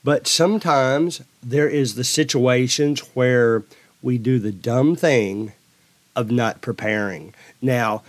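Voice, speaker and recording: A man talks alone on his podcast, sharing earnest advice with fellow substitute teachers. His middle-pitched voice sits in a dry, close room, and he circles back over phrases as he thinks. At times he slips into a deliberately dull monotone for effect. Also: dry recording. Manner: earnest advice-giving, repeats phrases while finding words; drops into a dull monotone for emphasis. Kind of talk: solo podcast talk.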